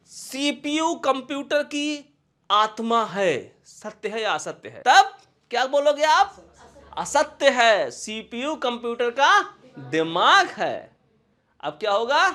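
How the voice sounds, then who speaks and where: A man's voice: sits high, pushed and bright. A man teaching a computer lesson in with a tinge, who keeps checking whether his students have understood. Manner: asks quick check questions again and again. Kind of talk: classroom-style lesson.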